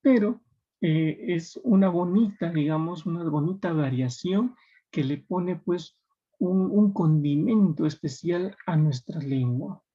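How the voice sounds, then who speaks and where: A man's voice: on the high side, takes it slowly, dark tone. A man with a Peruvian Spanish accent teaching a class, explaining step by step and often checking in with his students. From Peru. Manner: explanatory, checking in with tag questions. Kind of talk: classroom lecture. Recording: dull lo-fi recording.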